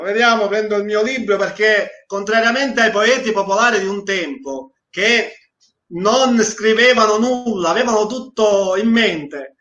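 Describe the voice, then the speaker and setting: A man's voice: sits high, pushed and bright. A man with a Sicilian accent, a guest poet talking and reciting verse in a studio talk show. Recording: roomy echo.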